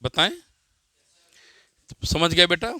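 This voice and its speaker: A man with an Indian accent teaching physics, dictating definitions slowly, repeating phrases and quizzing his students. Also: a little high, sharp tone, no room sound. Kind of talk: classroom lecture with dictation.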